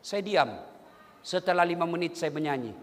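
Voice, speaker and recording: A middle-aged male preacher gives a comic sermon to an audience in a large hall. He is animated and bantering, moving from quiet asides to shouted punchlines. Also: fairly high pitch, normal speed. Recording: hall reverb, faint background ambience.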